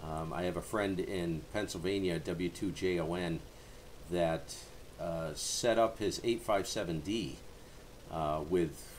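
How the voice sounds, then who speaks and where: A deep-voiced man hosting a livestream chats slowly and casually over amateur radio, folksy and rambling. The noisy ham radio channel hisses in the background.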